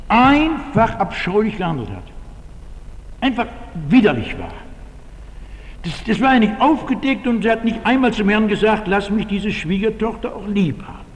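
Older male preacher, slightly high and very animated voice, emphatic repeats, long church echo. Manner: emphatic, repeats key phrases. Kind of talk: sermon.

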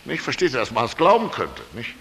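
A man's voice: medium pitch, huge pitch swings, a little fast, creaky, fairly bright tone, slight background noise. A male preacher retelling a Bible story in a folksy, colloquial way, often tossing "nicht?" to his listeners. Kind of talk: sermon, Bible story retold. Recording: long hall reverb.

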